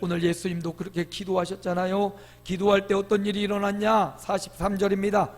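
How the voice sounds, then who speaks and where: Man, pastor, middle-aged, emphatic sermon, high voice, long church reverb. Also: flat delivery, fairly quick. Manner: emphatic preaching with dramatic quoted voices and loud swells. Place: church sanctuary.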